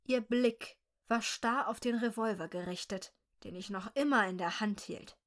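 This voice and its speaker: A woman reading a dark first-person story aloud in a slow, measured, quietly tense way. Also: a little high.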